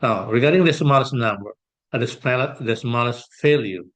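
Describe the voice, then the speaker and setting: A man working through an exam problem as a math tutor, thinking aloud with pauses and fillers. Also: mid-range voice, a bit bright. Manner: slow, hesitant, thinking aloud while sketching. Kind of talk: exam solution walkthrough.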